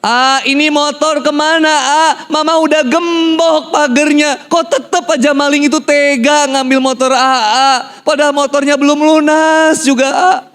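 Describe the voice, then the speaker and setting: A woman's voice: sits high, fairly even intonation, measured pace, few pauses, pitched above the performer's own voice. A man voicing his older mother, a worried, scolding woman with a Sundanese accent who nags with anxious questions. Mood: fretful. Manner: fretful, nagging questions.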